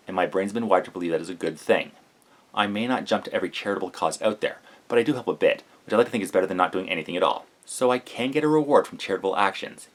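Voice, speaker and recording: Low-pitched, sleep-deprived man talking fast. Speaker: vlogger. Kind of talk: scripted explanatory monologue.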